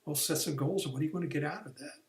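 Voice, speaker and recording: A career coach walks through a career course plainly, step by step, in a recorded online training lesson. His voice is a little high, animated and racing, with reverb, and he restarts and uses fillers now and then.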